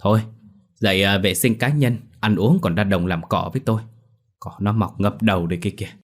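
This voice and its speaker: A man voicing a sharp-tongued village mother who nags her daughter in a shrill, scolding tirade. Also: brisk, lightly acted.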